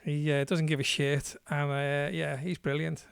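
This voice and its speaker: A man's voice: on the high side, flat delivery, measured pace, vocal fry, clear, resonant tone, dry recording, studio quality. A man hosting a DJ livestream, chatting casually and swearing now and then between tracks. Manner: laid-back, swears casually, chuckles. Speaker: DJ and livestream host. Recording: music playing loudly underneath.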